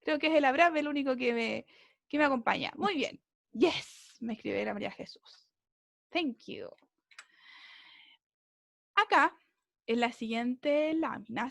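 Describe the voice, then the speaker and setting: A woman's voice: sits high, lively intonation, measured pace, creaky, pauses often, fairly bright tone, no echo, clean studio sound. A woman English teacher explaining a lesson over a video call, patiently checking that her students follow. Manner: patient, keeps checking understanding with tag questions. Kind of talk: online class explanation.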